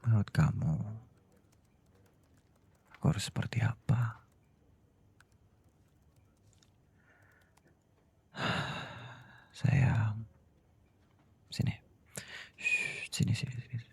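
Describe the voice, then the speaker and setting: A man doing a deep, gravelly husband in whispered role-play. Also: a little slow, pauses often, full character voice. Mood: tender soothing. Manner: cold and scolding, then soft and pleading. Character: stern boss who is a doting husband. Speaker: voice actor.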